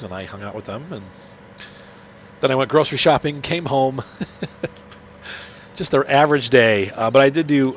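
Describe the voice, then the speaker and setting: With a medium-pitched, fairly bright voice made nasal by a cold, a middle-aged man casually comments on a game he's playing for his channel. He rambles and chats, restarting often and using lots of fillers, while faint noise sits in the background.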